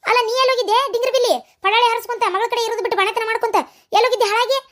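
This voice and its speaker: A woman's voice: extremely high pitch, fast talker. A woman voicing an older, fiery grandmother in a cartoon, scolding and heaping curses in a North Karnataka Kannada accent. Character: fiery cursing old grandmother, sharp-tongued. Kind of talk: cartoon voice acting.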